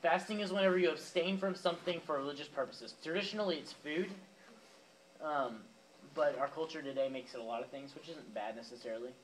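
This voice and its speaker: Before teens gathered live in a church youth room, a young man gives a chatty, informal sermon, speaking straight to them with asides and fillers. He's a youth pastor with a fairly high voice and a fairly quick pace, captured on poor audio with slight background noise.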